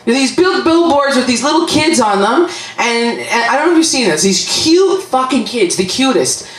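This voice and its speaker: A woman's voice: fairly high pitch, big pitch swings, normal speed. A woman with a Canadian accent doing a profane stand-up set with crowd work in a comedy club. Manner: brash, profane, chatty, laughing at own jokes. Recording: echoey club, mic heard from far, loud crowd.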